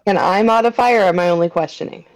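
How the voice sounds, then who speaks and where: A woman's voice: mid-range voice, fast talker, no room sound, poor audio. A woman playing in a tabletop game, giving brief, casual replies. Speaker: player.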